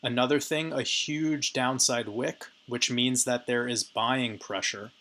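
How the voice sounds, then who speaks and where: Guy with a scratchy tired voice going over crypto charts, bright tense tone, talks to you guys. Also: mid-range voice, steady tone, measured pace. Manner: casual, addresses viewers as you guys. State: hoarse, raspy voice from talking a lot. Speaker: crypto market commentator. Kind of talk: chart analysis commentary.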